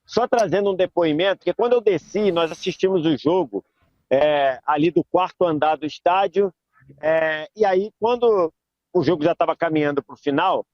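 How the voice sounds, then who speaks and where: A man reporting from the stadium to a sports debate panel, slow and reflective as he recounts what he saw. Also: on the high side, dry recording, highs cut off.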